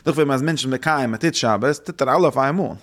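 A man giving a religious lesson, thinking aloud in halting phrases that he often repeats and restarts. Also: mid-range voice. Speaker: religious teacher.

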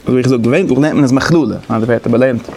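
A man's voice: mid-range voice, rapid-fire, warm tone, slight background noise. A man giving a lecture, explaining conversationally and thinking aloud as he goes. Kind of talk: lecture on interpretation methods.

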